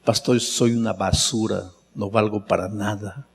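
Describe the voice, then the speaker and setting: A male pastor voicing a tearful young man who pleads for help in a low, broken voice. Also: slow, a little mellow. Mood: despairing. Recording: long reverb of a large hall.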